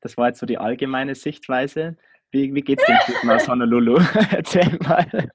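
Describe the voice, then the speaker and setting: A woman hosting a podcast interview, asking relaxed, teasing questions. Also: very deep voice, moderate pace, breathy edge. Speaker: podcast host. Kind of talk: casual interview.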